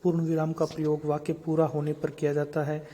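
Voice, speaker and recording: A man's voice: on the high side, monotone, fairly quick, dark tone. A man teaching a grammar lesson for exam preparation, listing terms steadily and repeating key words.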